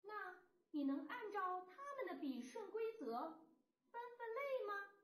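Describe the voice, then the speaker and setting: A woman primary school teacher giving a recorded lesson to young children, speaking in a slow, sing-song, encouraging way. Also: very high voice, big pitch swings, a bit bright. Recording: roomy and distant from the mic.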